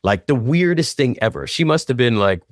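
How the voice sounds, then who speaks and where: A man's voice: mid-range voice, a little fast, no echo, clean studio sound. A man, a guest choreographer telling stories casually and acting out what people said. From Toronto, Canada. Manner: animated, acts out quoted dialogue in different voices. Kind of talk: casual storytelling interview.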